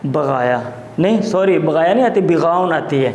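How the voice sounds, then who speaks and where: Man teaching slowly in an echoey classroom. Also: on the high side, animated, darkish tone, a little hiss or hum. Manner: explains words slowly, repeating terms, mixes in Punjabi asides. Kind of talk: classroom lecture explaining vocabulary.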